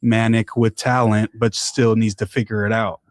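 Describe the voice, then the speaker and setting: A man co-hosting a casual streamed chat, commenting with excitable laughter. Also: lowish voice, normal speed, dry recording. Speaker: co-host.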